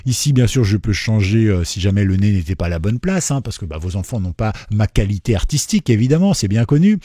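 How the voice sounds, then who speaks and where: Male tutorial host: dark, slightly husky tone, chatty and self-deprecating, dry recording. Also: fairly low pitch, lively intonation, fast talker, no room sound. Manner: jokey, self-mocking, chatty. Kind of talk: casual screen-recorded tutorial.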